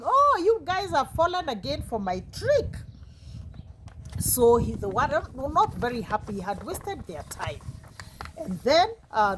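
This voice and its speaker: A woman teaching a moral lesson through storytelling, expressive and engaging, often asking her listeners questions. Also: a little high, a little hiss or hum, poor audio.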